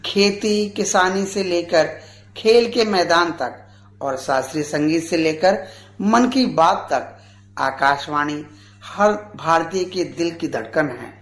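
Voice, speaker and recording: Slow, earnest man in his forties. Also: fairly high pitch, fairly bright tone, reverberant. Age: 40s. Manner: measured, earnest, formal delivery. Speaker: radio guest. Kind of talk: formal tribute speech.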